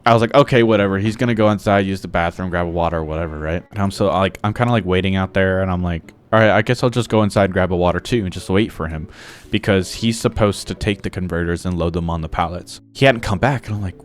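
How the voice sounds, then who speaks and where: A young man telling a long, rambling story about work in a casual way while playing a game, full of filler words. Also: sits low. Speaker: gaming vlogger.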